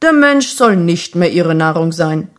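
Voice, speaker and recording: A woman voicing the Great Spirit of a fable, measured and solemn as a wise father figure. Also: fairly low pitch, expressive.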